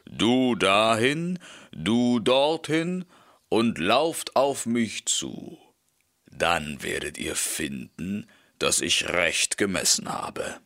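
A man putting on a low gruff greedy wolf. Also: big pitch swings, very slow, a bit bright, no echo, clean studio sound, full character voice. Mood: commanding.

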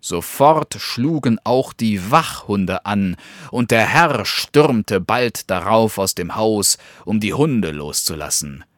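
A man narrating a fable in measured, scripted storytelling. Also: fairly low pitch, animated, no echo, studio quality.

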